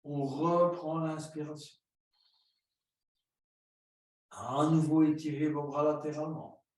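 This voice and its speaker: A man leading a yoga class, giving slow, calm breathing and posture cues step by step. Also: a little high. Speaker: yoga teacher. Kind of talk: guided yoga instruction. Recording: very echoey room, distant mic.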